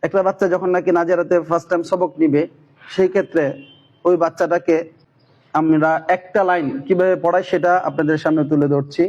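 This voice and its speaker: A man, a madrasa teacher giving a methodical, steady lesson on reading the Quran. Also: on the high side, highs cut off. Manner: chants Arabic syllables slowly and loudly when demonstrating. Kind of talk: instructional talk on Quran reading.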